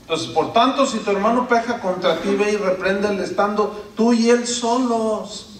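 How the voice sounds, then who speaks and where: A middle-aged pastor preaches in a high, lively voice, slipping into quick impressions of church members. The sound is roomy, as in a church hall, with the mic some way off. Faint room noise sits underneath. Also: male voice. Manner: animated, acts out quoted church members in changing voices. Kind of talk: sermon. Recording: echoey hall, mic at a distance.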